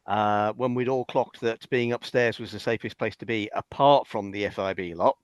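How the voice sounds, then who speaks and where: A British man telling lively anecdotes as a podcast guest. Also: on the low side, normal speed, no echo. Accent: British English. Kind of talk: casual chat.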